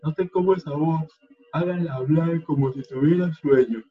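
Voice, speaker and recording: A man leading a group through a guided relaxation exercise as a workshop facilitator, talking calmly and slowly, with coaxing repetitions. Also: a little high, highs cut off. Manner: calm, slow and coaxing, with repetitions.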